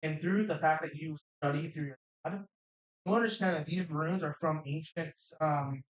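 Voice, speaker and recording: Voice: medium pitch, normal speed, reverberant, rough recording. A game master narrating a tabletop role-playing game in a loose, rambling way with casual swearing.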